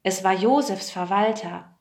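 A woman reads a Bible story aloud for children. She takes her time and reads slowly and clearly. Her voice sits at a middle pitch. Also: a little mellow. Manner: slow, clear reading. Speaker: storyteller, children's choir member.

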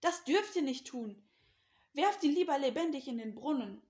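A woman's voice: sits high, expressive, normal speed, a little mellow. Woman as eldest brother: urgent, alarmed, pleading.

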